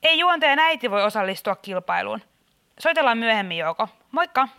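A woman's voice: a little high, expressive. A woman playing an exasperated radio quiz host who keeps catching her mother on the line. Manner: bright presenter patter, scolding. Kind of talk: radio comedy sketch.

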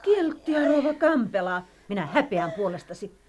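A woman's voice: mid-range voice, big pitch swings, crowd noise, close to an everyday voice. An actress in a 1960s radio play voicing a flustered, genteel mother apologising for her son.

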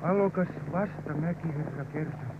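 A man's voice: a little high, noisy background, close to an everyday voice. Man playing a meek, mumbling army recruit. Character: timid young male army recruit. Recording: tinny distant old radio recording.

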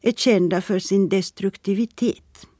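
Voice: medium pitch, fairly even intonation, mellow, dry recording, clean studio sound, close to an everyday voice. A reader voicing a teasing male pub companion with a mock-alarmed manner, in a storybook reading.

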